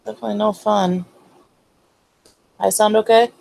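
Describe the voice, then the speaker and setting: Gravelly woman chatting to viewers. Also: medium pitch, fairly even intonation, moderate pace, mellow, poor audio. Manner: chatty, teasing, asides to viewers. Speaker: livestream host. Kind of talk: casual late-night chat.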